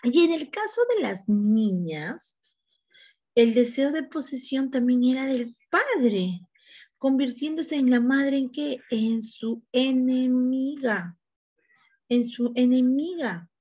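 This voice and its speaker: A woman's voice: high voice, expressive, takes it slowly, warm tone, muffled recording. A woman teacher with a Peruvian accent, lecturing her class, often asking tag questions and repeating words as she goes. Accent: Peruvian Spanish.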